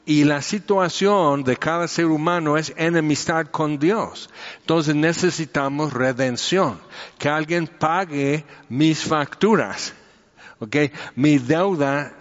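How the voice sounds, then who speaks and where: A man giving a conversational sermon. He explains with everyday examples and fills his pauses with "este". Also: fairly high pitch. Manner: explanatory, uses homely examples and many fillers. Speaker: preacher. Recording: dull echoey hall recording.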